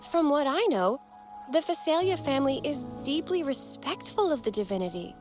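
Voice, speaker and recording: A woman's voice: sits high, big pitch swings, moderate pace. A woman voicing an earnest, devout young female church member in a video game. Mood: concerned. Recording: game audio with music behind.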